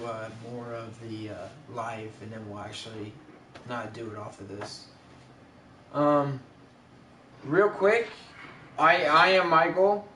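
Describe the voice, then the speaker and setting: A man's voice: medium pitch, a bit bright. Man with heavy echo on his voice. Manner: rambling, with many fillers and restarts. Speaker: livestream host. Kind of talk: casual livestream chat. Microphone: camera mic set up away from him. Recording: echoey, distant camera mic, faint background noise.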